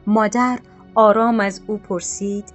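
A woman reads a storybook in a calm, measured voice at a mid pitch. Her delivery is even and literary. Faint music plays underneath. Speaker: narrator. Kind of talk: scripted storybook narration.

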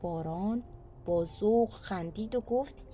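A woman storyteller hosting a children's podcast, narrating a scripted bedtime story in a soft, soothing way. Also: mid-range voice, a little hiss or hum.

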